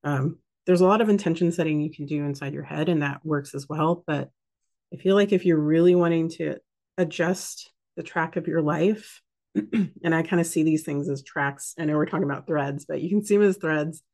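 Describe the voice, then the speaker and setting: A woman's voice: deep voice, normal speed, a little mellow. A woman hosting a casual spiritual talk, rambling with many fillers and restarts. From United States. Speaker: host.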